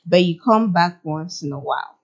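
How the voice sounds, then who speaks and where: A woman hosts a casual interview, her voice sitting a touch low. She asks chatty questions with light laughter, and the recording sounds a little dull. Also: moderate pace, vocal fry. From Nigeria. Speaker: host.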